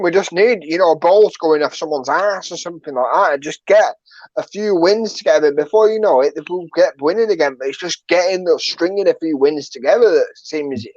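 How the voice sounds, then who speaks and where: A man's voice: on the high side, expressive, brisk, darkish tone, no room sound, muffled recording. A man talking bluntly and swearing freely in a casual fan chat after a match.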